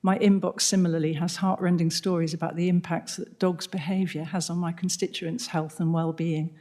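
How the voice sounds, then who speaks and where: A woman's voice: lowish voice, flat delivery, moderate pace, dark tone. An older woman with a British accent, a ward councillor reading out a prepared question at a formal meeting. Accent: British English.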